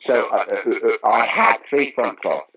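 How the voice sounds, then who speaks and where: On a low-quality recording, an older pantomime actor and ex-opera singer recounts animated theatre anecdotes as an interview guest, acting out remarks emphatically. He speaks unhurriedly in a mid-range, fairly bright, husky voice that is expressive.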